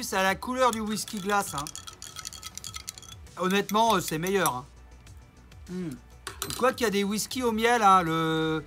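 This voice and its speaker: High bright-voiced man ranting. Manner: mocking, rambling, theatrical asides. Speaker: YouTuber. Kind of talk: casual vlog rant.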